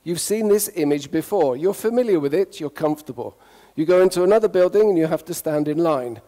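Animated man giving a keynote in a hall. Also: fairly high pitch, a little fast. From United Kingdom. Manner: playful, engages audience with questions. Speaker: conference speaker. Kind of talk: humorous keynote talk. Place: conference hall.

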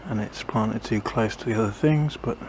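This man speaks at a moderate pace with a fairly low pitch. A gardening vlogger, he plants in a small backyard while talking casually to camera, thinking aloud, second-guessing, and often letting his words fade. Noisy outdoor ambience is present.

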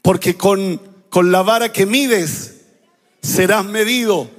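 High-voiced preacher in an echoing hall. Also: male voice, slow. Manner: lively preaching with shouted emphasis and sound effects. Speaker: pastor. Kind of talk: sermon.

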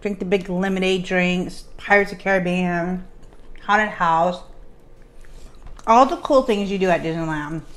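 A woman's voice: lowish voice, a little slow. A woman vlogger telling casual stories while eating, chatty, with frequent "like" fillers. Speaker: mukbang vlogger.

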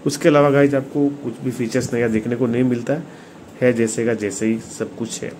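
Recorded in a clearly noisy room, this casual hands-on phone review comes from a tech reviewer and video host with an Indian accent who often addresses his viewers. His mid-range voice is steady, a little mellow, and a little fast.

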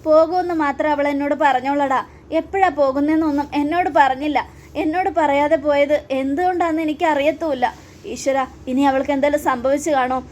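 A woman's voice: high voice, steady tone, quick pace, a little mellow, close to an everyday voice. A woman voicing an anxious older father who sounds worried and unsure. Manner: worried, uncertain.

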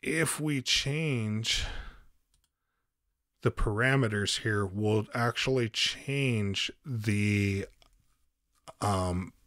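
A man giving a calm step-by-step software tutorial as host, with frequent ums. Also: lowish voice, dry recording, clean studio sound. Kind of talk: screen-recorded software tutorial.

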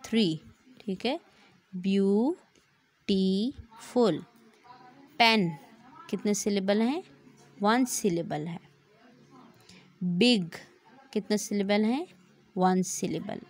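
A woman teacher speaks at a slow, careful pace in a mid-range voice. She reads each English question slowly and then goes over it again in Urdu-Hindi. She keeps checking in with "theek hai" as she moves through the lesson. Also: mid-range voice. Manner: repeats "theek hai" often. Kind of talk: recorded classroom lecture.

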